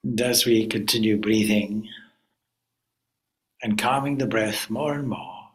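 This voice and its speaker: Calm and deliberate, a man with a lowish voice leads a guided meditation in the role of a spiritual teacher, pausing between short phrases. The audio quality is low.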